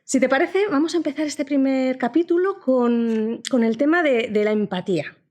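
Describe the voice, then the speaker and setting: A woman's voice: high voice, normal speed, a little mellow. Encouraging woman podcast host. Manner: encouraging, affirming listener. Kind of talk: interviewing with frequent backchannels.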